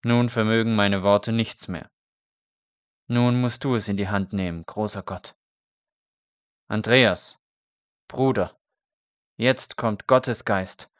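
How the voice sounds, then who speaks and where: A man's voice: on the low side, dry recording, studio quality. A man voicing a fervent male priest who urges a condemned prisoner toward faith with earnest intensity.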